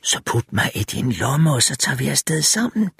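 A man voicing a seductive female spirit in an audiobook, speaking softly and coaxingly, partly in a whisper. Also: mid-range voice, sing-song, gravelly, husky, dry recording, studio quality, exaggerated voice.

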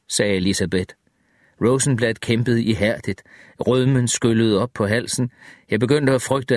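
A man reading an audiobook in steady, measured scripted narration, close to the microphone. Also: lowish voice, no echo.

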